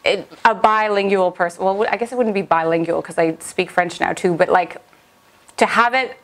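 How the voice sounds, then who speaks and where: A woman's voice: medium pitch, moderate pace, a bit bright. A young woman vlogging in a casual, upbeat way as she reviews a language app, chatty and full of little fillers.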